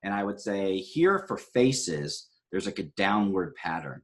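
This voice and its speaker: A man with a very low voice gives a recorded psychology lecture. He walks through study results casually, with plenty of "um"s and self-corrections. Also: lively intonation, measured pace. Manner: conversational, many fillers and self-corrections.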